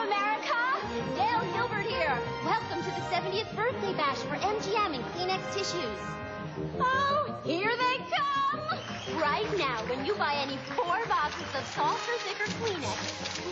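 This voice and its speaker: A woman voicing an excitable cartoon party host in an exuberant commercial pitch. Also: measured pace. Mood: excited greeting. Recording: muffled lo-fi TV audio, loud music.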